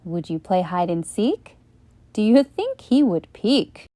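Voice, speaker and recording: A woman reads a bedtime story aloud, posing one gentle question after another. Her voice is mellow and warm, and her pitch swings widely as she takes her time. The sound is dry and close. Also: very animated, slow, no room sound. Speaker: storyteller host.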